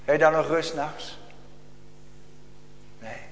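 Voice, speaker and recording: A man's voice: on the high side, fairly even intonation, takes it slowly. A man preaching a solemn, urgent sermon full of rhetorical questions to his congregation. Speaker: pastor. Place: church. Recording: long reverb of a church hall.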